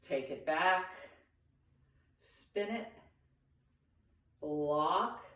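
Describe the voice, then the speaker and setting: A woman teaching a beginners' tai chi class, guiding movements in short, paused instructional phrases. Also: deep voice, animated, a bit bright. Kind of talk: guided movement lesson for beginners. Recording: very echoey room, far from the mic.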